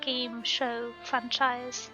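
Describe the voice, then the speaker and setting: A woman's voice: a little high, level tone, drawn-out words, over music, low-quality recording. A woman chatting casually to viewers on a game livestream in a cute, bubbly, giggly anime-streamer manner.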